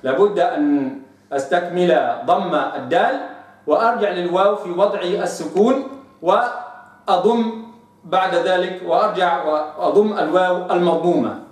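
A man teaching Quran recitation rules, slowly sounding out each example word. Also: high voice. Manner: slow demonstrative pronunciation of examples. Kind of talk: tajweed lesson with recited examples. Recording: very echoey room, mic at a distance.

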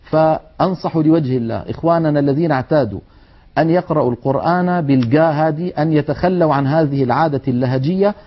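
A man's voice: on the high side, fast. A man teaching Quran recitation, demonstrating letter sounds in an earnest, admonishing manner. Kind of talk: tajweed lesson. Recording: dull lo-fi sound.

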